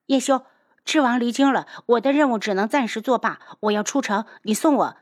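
A woman voicing a pretty, hot-tempered young man who shouts his insults in a high, agitated voice. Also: brisk, lightly acted. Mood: angry.

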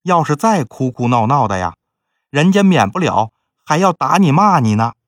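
A man voicing a timid young maidservant who speaks in a hushed, soft coaxing way. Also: a little high, sing-song, moderate pace, dry recording, studio quality. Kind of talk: storytelling with character voices.

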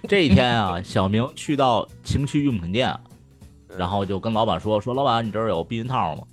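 A man in casual chat, telling crude jokes, swearing freely and laughing loudly at his own punchlines. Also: on the low side, expressive, brisk, soft background music.

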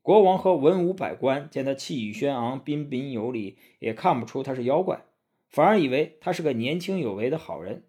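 A man narrating a classic tale as a storybook for children, in a lively, expressive way. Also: mid-range voice, a little fast, husky.

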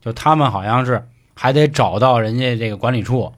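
A man co-hosting a casual podcast, telling a story in a brisk, animated way with crude slang. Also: medium pitch. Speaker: podcast co-host.

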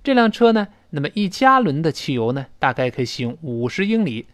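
Lively male English pronunciation teacher. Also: a little high, dry recording. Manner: explains sounds slowly, drilling words aloud. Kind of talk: pronunciation lesson.

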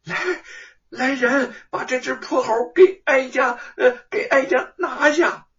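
Man putting on a shrill imperious palace consort, high swooping voice, dull far-off sound. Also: sing-song, measured pace. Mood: furious. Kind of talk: traditional storytelling.

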